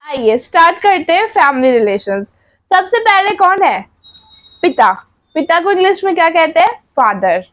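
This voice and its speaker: High-voiced woman teaching vocabulary. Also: sing-song, fairly bright tone. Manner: asks a question then answers it, repeating each word slowly. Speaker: English teacher. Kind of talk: vocabulary lesson.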